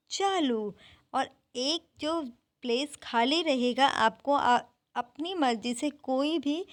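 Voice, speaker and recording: A woman teaching a primary school class online, drilling words slowly one at a time. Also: sits high.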